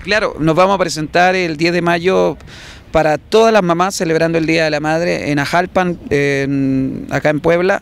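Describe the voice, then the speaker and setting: Speaking into a reporter's handheld microphone outdoors in a public plaza, this young adult singer from southern Chile gives relaxed promotional interview answers in a Chilean accent. His voice is a little high, with a touch of hiss or hum in the recording.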